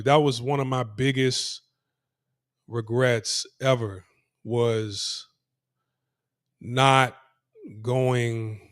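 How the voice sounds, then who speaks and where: In a relaxed walking vlog, a man whose first language is English talks to camera while moving through city streets, rambling and frequently restarting or repeating himself. The recording of his mid-range voice is dry and studio-quality.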